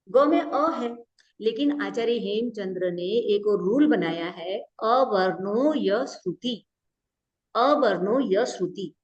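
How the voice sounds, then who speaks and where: A woman's voice: fairly high pitch, highs cut off. A woman teaching a grammar class, explaining patiently and often checking that students follow. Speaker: Prakrit teacher. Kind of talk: online class lecture.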